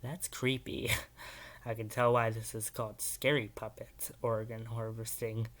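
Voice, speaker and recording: A man's voice: on the low side, little pitch movement, measured pace, a bit bright. A man hosting a casual video reaction, rambling and hesitant, with many filler words. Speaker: YouTube reaction host.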